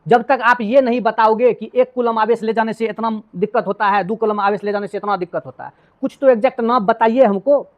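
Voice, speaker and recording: बिहारी लहजे वाले हिंदी भौतिकी शिक्षक. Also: male voice, high-pitched, fairly even intonation, fairly quick, hardly any pauses, lo-fi sound. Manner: asks repeated check questions to students; uses homely everyday examples. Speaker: physics teacher. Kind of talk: classroom lecture.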